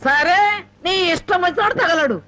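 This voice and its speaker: A woman's voice: extremely high pitch, brisk, bright, forceful tone. An actress playing a scolding, sarcastic old grandmother in a film scene. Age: older.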